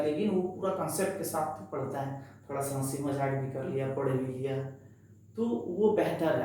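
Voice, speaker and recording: A man's voice: on the high side, warm tone, slight background noise. A male teacher, giving a chatty, reassuring online lesson and repeating key words. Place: echoey classroom, writing on a board. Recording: very echoey room, voice from a distance.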